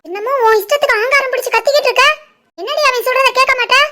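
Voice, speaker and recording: A woman voicing a proud, scolding middle-aged mother-in-law in an animated family story, with a Tirunelveli Tamil accent. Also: rapid-fire. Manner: shrill, scolding.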